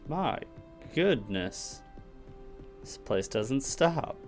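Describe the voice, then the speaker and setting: A man's voice: mid-range voice, sing-song, drawn-out words, faint music behind. A man giving casual commentary as he plays a video game, muttering reactions to himself and reading on-screen text aloud. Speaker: video game streamer playing through a game.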